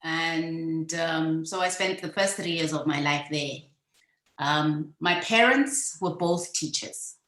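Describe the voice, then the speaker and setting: A middle-aged woman from South Africa and Botswana with a low voice, telling her story as an interview guest. She speaks in a measured way and pauses often to gather her thoughts. Her video-call audio sounds roomy and echoey. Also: fairly bright tone. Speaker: guest, supply chain specialist. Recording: echoey room.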